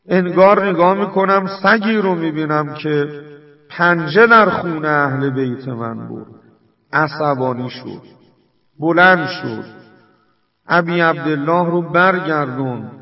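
A man giving a mourning sermon, telling the story in a lamenting, dramatic way. He recites Arabic quotations, then restates them. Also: a little high. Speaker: preacher. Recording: distant, dull lo-fi recording.

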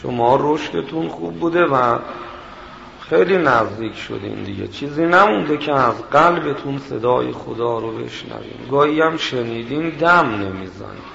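A man preaching a sermon as a story, animated and often laughing as he tells it. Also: medium pitch, gravelly. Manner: animated, laughing through the telling. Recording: echoey hall, dull sound, background noise.

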